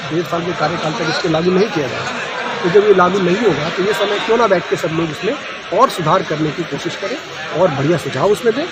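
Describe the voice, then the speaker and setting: A man's voice: on the high side, poor audio. A man answering a reporter's questions at a farmers' meeting, speaking earnestly and formally, sometimes restarting his words. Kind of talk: spontaneous on-the-spot interview. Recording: outdoors with loud background noise. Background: loud outdoor ambience.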